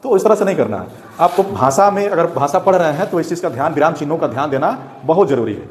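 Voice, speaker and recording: A man's voice: a little high, lively intonation, fast talker. Echoey male Hindi grammar teacher. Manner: explanatory, repeatedly checks understanding with "ठीक ना". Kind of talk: explaining lesson to students.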